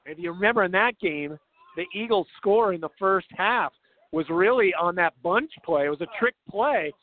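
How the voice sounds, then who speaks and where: A man's voice: high voice, animated, normal speed, phone-quality sound. A man hosting live halftime sports commentary, running through stats and handing over to colleagues. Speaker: sports play-by-play host. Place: outdoors at a football field. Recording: thin, band-limited broadcast sound.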